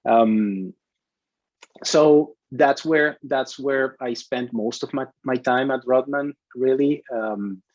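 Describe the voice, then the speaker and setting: A man from Venezuela in his thirties, a CTO answering interview questions in a halting way, full of restarts and fillers. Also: medium pitch, darkish tone, no echo, poor audio. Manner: hesitant, many restarts and fillers. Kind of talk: conversational interview.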